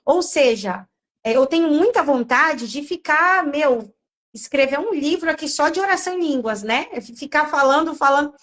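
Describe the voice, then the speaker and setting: Brazilian woman hosting a live, bit high voice, lots of um and hesitating as she asks stuff. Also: lively intonation, moderate pace, a bit bright. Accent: Brazilian Portuguese. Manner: hesitant, many fillers while asking questions. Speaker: live show host. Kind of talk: casual live interview. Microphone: video call.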